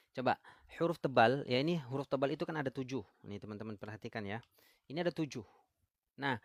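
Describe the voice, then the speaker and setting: A man with an Indonesian accent and a medium-pitched voice teaches tajwid, the rules of Quran recitation, on a live stream. He poses questions to viewers and reads their comments aloud. The sound is dry and close-miked.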